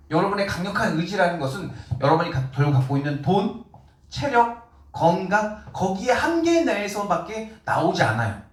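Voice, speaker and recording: A pastor delivering a sermon in a lively, chatty way, slipping into voices for the people he quotes. His voice sits a bit high for a man and rings through a reverberant room, picked up from some distance. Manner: colloquial and animated, acts out quotes with laughs. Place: church sanctuary. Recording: echoey room, voice from far off mic.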